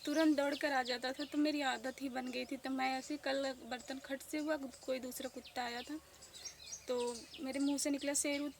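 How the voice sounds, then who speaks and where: A woman in her thirties speaking softly with grief as she tells a casual village vlog story outdoors. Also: high voice, fairly even intonation, moderate pace, vocal fry. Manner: grieving, soft-spoken. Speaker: village vlogger. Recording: noisy outdoor village ambience.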